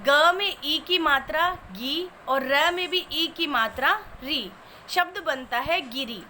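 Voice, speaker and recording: A woman's voice: high voice, slow pace, pushed and bright, a little hiss or hum. A woman teaching a spelling lesson, patiently breaking each word into its sounds step by step.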